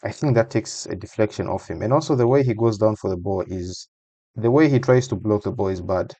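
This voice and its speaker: Male football analyst, low voice, dry close sound, chatty and repetitive. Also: brisk, warm tone, dry recording. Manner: conversational, repeats phrases for emphasis. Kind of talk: casual voice-over match breakdown.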